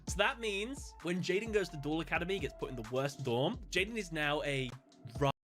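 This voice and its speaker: A man speculating about a fan story in a playful, animated way, full of quick asides. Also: fairly high pitch, faint music behind. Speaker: video creator.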